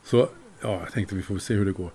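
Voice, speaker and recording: A man's voice: low-pitched, warm tone, a little hiss or hum. An older man telling a casual anecdote, chuckling now and then and acting out the voices of the people he quotes. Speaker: storyteller.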